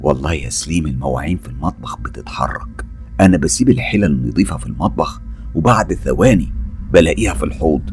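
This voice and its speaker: A man with an Egyptian accent voicing a frightened young wife and mother, speaking fearfully and pleadingly in a hushed voice. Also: very deep voice, expressive, fast talker, creaky, soft background music, voice pushed down, heavily acted. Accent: Egyptian Arabic.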